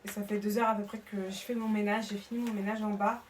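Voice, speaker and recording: This young new mother's mid-range voice is flat, quick, and a little mellow as she vlogs casually to camera indoors at home. She has a slight foreign accent in French, uses lots of fillers, and calls her audience girls. Faint background noise and clicks come through.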